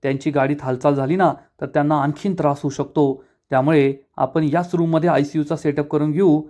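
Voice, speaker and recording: A man's voice: a little high, steady tone, mellow, lightly acted. A man voicing a serious middle-aged doctor giving grim news in a retold drama. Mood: grave. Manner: serious, measured, quick explanation. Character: grave, calm middle-aged male doctor.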